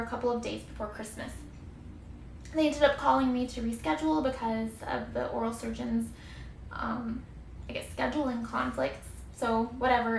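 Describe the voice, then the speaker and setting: A woman in her twenties shares a casual, rambling personal story as a vlogger. Her voice sits a bit high and often drops into creaky fry. She sidetracks herself and leans on exaggeration, recorded in a roomy, echoey space. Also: a little hiss or hum. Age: 20s. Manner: chatty, rambling, self-interrupting, given to hyperbole.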